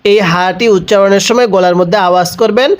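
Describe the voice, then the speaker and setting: Spelling out the Quran syllable by syllable, a man from Bangladesh patiently leads a slow recitation lesson and has the listener read along. He talks fast, though, with a high, clear, resonant voice.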